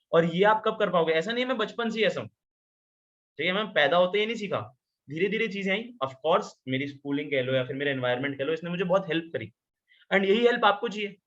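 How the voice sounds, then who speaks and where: A man training a virtual meeting in Hindi mixed with English, animated and constantly asking his listeners questions. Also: high-pitched, moderate pace. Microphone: video call. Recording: lo-fi video call audio.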